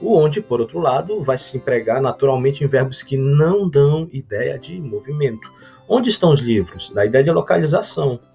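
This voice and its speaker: A Brazilian man teaching a recorded grammar lesson, explaining slowly with frequent hesitations and restarts. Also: mid-range voice, lively intonation, vocal fry, dark tone. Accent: Brazilian Portuguese. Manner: hesitant, many fillers and restarts; explanatory, reads example sentences slowly. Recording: dull lo-fi audio, faint guitar music.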